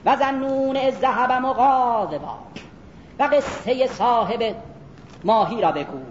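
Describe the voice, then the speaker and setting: Reciting Arabic verses in an animated religious lecture, this Quran teacher speaks directly to her audience. Her recording is lo-fi and dull, made in an echoey room with a faint rumble underneath.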